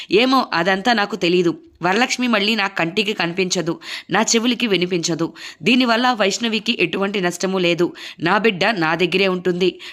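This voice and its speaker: Woman narrator retelling drama episodes, steady and plain, voices every character without changing much. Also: mid-range voice. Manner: steady storytelling, reads all characters' lines herself. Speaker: serial recap narrator. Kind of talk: retelling a TV serial with voiced dialogue.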